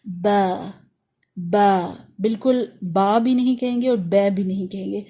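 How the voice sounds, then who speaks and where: A woman teaching an online lesson on reading Quranic letters, who explains patiently and sounds out each letter slowly, over and over. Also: mid-range voice, warm tone. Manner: patient, demonstrates sounds slowly and repeats them.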